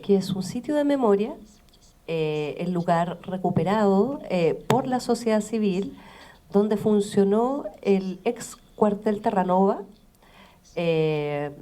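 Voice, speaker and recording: A woman, a memorial site administrator, giving a measured formal introduction with frequent pauses. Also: on the low side, mellow.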